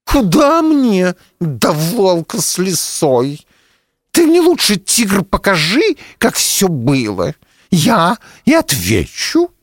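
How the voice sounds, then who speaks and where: A man's voice: high-pitched, wildly swooping pitch, takes it slowly, no echo, pitched above the performer's own voice, exaggerated voice. A man voicing a clever, cautious little hare in a storybook reading, sly and thoughtful.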